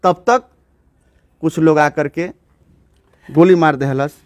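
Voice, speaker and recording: A man's voice: a little high, slow pace, no echo. A male local news reporter with a Bhojpuri accent, asking questions in an on-the-spot report and soothing the grieving family. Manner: soft, consoling with the children, urgent when questioning. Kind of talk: on-the-spot field report and interviews.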